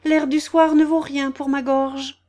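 A woman's voice: high-pitched, flat delivery, a little slow, dark tone, pitched above the performer's own voice. A woman voicing a fussy old magpie who murmurs about her throat.

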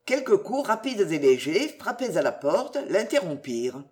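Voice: medium pitch, very animated, normal speed, a little mellow. A reader narrating a classic novel with dramatic, varied intonation. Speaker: audiobook narrator. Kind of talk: expressive literary narration.

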